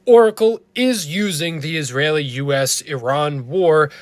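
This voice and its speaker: A man's voice: a little high, measured pace, no room sound. A man giving casual, explanatory news commentary as an online presenter.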